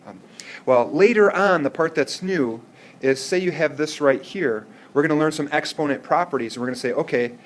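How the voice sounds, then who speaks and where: A man's voice: medium pitch, a little hiss or hum. A man teaching an algebra class in a classroom, explaining step by step and often checking whether students follow. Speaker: math teacher. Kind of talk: classroom lecture.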